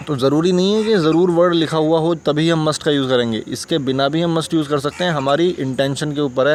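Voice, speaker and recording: A man with a Hindustani accent explains grammar in a steady, patient way, often pausing to check understanding. His voice sits at a middle pitch. A faint hum of background noise sits under the recording. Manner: patient, repeats examples, asks checking questions. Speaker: English teacher.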